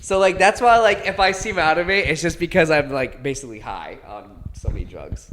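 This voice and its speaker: A man's voice: on the high side, expressive, a little fast, background noise. A man co-hosting a casual podcast chat, stuffy-nosed from allergies and rambling with lots of fillers. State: congested, stuffy nose. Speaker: podcast co-host.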